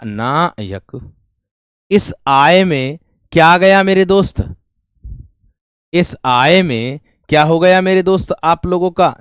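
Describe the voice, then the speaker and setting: A man's voice: on the high side, clear, resonant tone, dry recording, clean studio sound. A man teaching grammar in an online exam-prep class, explaining step by step and repeating each question to his students.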